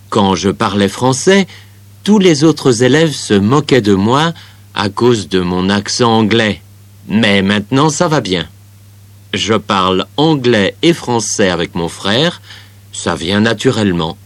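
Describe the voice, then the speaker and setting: A friendly teenage boy speaks slowly and easily. His voice is on the low side and close to the mic, with no room sound. It sounds like a language-course recording. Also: no room sound. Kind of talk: scripted listening-exercise reading.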